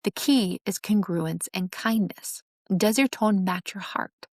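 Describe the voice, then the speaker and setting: A woman's voice: mid-range voice, a little slow, darkish tone, no echo, clean studio sound. A woman hosting a show, giving an earnest, instructive talk on relationships. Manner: earnest, instructive, acts out sarcastic examples. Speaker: host. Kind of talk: teaching monologue on relationships.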